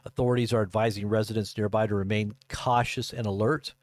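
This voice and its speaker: A man in his fifties giving casual live commentary and reading news reports aloud, halting and rambling as he goes. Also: lowish voice, level tone, no echo, studio quality. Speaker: livestream commentator. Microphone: close desk microphone.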